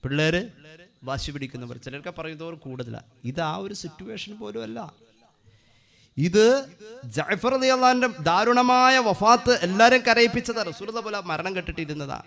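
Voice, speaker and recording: Malayali male preacher, high voice, quick hushed storytelling broken by loud chanted recitation. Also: expressive, gravelly. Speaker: Islamic preacher. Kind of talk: sermon. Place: mosque or religious gathering.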